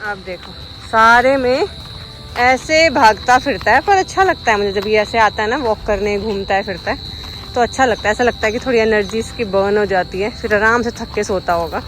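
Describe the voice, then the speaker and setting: A woman's voice: mid-range voice, normal speed, fairly bright tone, slight background noise. A woman chatting casually as a vlogger on an outdoor walk, talking sweetly to her dogs now and then. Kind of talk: casual vlog chat.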